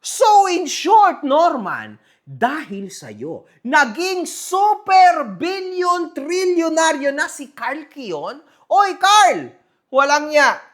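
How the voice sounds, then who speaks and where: A man hosting a gossip commentary vlog, mocking and animated, swearing and calling out to his viewers. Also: very high-pitched, extremely slow. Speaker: online commentary host.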